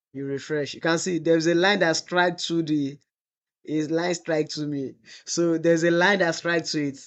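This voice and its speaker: A man teaching web development in a screen-recorded tutorial. He asks the class "what?" and answers himself, and he drawls out the example text while he types. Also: fairly high pitch. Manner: asks the class rhetorical "what?" questions, then answers them.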